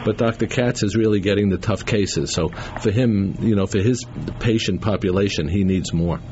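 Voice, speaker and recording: A man hosting a radio show, talking in a halting way with many fillers and restarts, taped off the radio. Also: lowish voice, a little mellow. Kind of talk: casual on-air talk with a caller. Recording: lo-fi radio tape with faint hiss.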